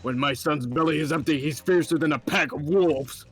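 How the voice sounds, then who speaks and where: A man's voice: on the high side, normal speed, pitched above the performer's own voice, natural voice. A complaining, blustering father, played by a man in a game. His voice is raised and aggrieved, with faint music behind. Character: blustering, grumbling father of a baby.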